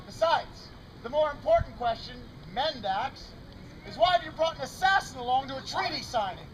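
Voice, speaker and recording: A man's voice: very high-pitched, lively intonation, moderate pace, crowd noise. A man playing an earnest, righteous bard envoy in formal, declamatory Renaissance faire speech. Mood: accusing. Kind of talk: Renaissance faire stage drama, olde speech. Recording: noisy outdoor live recording.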